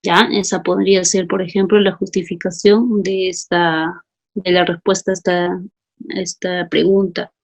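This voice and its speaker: Woman teacher with a gravelly voice, reading out student answers and pressing for justifications. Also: fairly low pitch, level tone, unhurried. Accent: Peruvian Spanish. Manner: calls students by name, asks for justifications.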